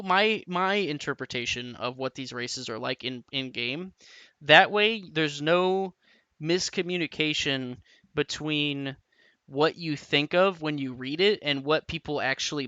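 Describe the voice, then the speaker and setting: Rambling man with a bright, crisp voice. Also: a little high, dry recording, muffled recording. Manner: rambling, with frequent restarts and "like". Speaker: tabletop and larp rules reviewer. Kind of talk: casual unscripted rant to camera. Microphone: camera mic.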